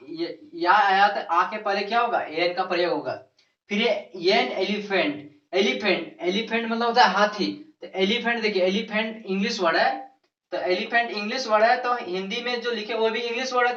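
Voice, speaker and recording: A man's voice: high voice, a bit bright. A man teaching a grammar lesson, repeating points and posing questions he then answers himself. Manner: repetitive, answers his own questions. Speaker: English teacher. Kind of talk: classroom-style grammar lesson. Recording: echoey room, distant lo-fi mic.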